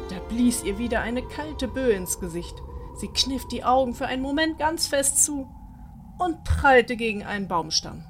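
A woman narrating a scripted bedtime story for small children. Her reading is gentle and even, and her voice sits a little higher than most.

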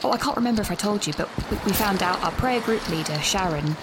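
A woman's voice: mid-range voice, expressive, quick pace, very noisy, close to an everyday voice. An actress playing an anxious, chatty young British university student, out of breath and rambling as she leaves a voice message while walking outdoors. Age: young adult. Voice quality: rambling, self-interrupting, nervous. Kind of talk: audio drama voice note.

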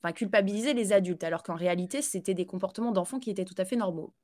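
Chatty French-speaking woman, halting. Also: medium pitch, darkish tone. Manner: chatty, halting, with many fillers and restarts; laughs easily. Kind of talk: casual conversational interview.

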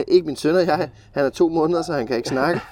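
A man's voice: on the high side, a little mellow. A man in his thirties co-hosting a podcast, chatting casually and telling his stories with a dry, playful touch. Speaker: podcast co-host. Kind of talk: casual chat.

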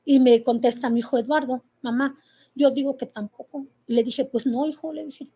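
Middle-aged Mexican woman, interviewee, high mellow voice, halting emotional telling, muffled lo-fi sound. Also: fairly even intonation, slightly rough. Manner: halting and emotional, with many fillers and restarts. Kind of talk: personal testimony. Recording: muffled lo-fi recording.

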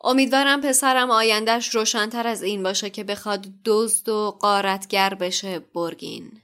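A woman's voice: medium pitch, pushed and bright, close to an everyday voice. A woman voicing a cold, haughty aristocratic wizard father with a clipped, disdainful manner.

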